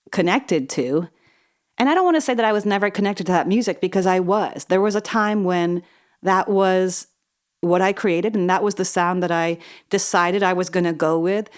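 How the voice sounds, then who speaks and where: Woman in her 30s rambling through a story on her podcast, lowish voice, kinda wheezy, goes off on tangents. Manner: chatty, self-deprecating, wanders off on tangents. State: slightly wheezy from asthma. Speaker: podcast host.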